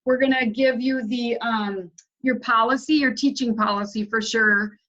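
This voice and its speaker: A woman hosting a webinar, her fairly high voice coming through slightly dull, lo-fi audio. She talks in a friendly, appreciative way as she passes questions along and wraps up. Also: steady tone, normal speed, a bit bright. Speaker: webinar host.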